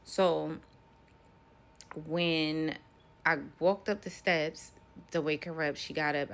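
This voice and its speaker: A woman's voice: low-pitched, fairly bright tone. An American woman, around her thirties, talking casually and ramblingly to her viewers in a personal vlog. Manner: conversational, rambling, addressing viewers directly. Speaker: vlogger.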